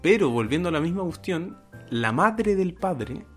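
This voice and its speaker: A man's voice: fairly high pitch, lively intonation, unhurried, fairly bright tone. Young Chilean man, rambling podcast co-host, word-searching; faint guitar behind. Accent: Chilean Spanish. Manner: rambling, searches for words, lots of fillers. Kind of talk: casual chat.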